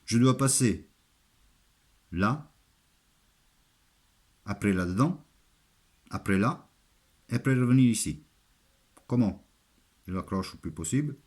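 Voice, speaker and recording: An Italian man speaking French with a foreign, Italian accent, giving a halting, step-by-step hands-on craft demonstration in simple, repeated phrases. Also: mid-range voice, lively intonation, darkish tone. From Italy. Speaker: armourer giving a craft tutorial.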